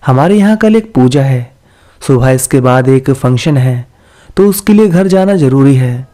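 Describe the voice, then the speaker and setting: A man's voice: medium pitch, expressive, unhurried, dark tone, natural voice. A man voicing a friendly, amused young office worker who talks in a light, teasing, polite way. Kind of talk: storybook character voice.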